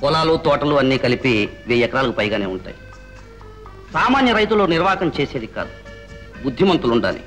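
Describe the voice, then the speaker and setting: An actor playing a smooth-talking, scheming middle-aged landlord in a 1960s film, measured and persuasive. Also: male voice, medium pitch, sing-song, fairly bright tone. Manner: measured, persuasive, rising to proud anger. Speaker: zamindar. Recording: old film soundtrack with faint music.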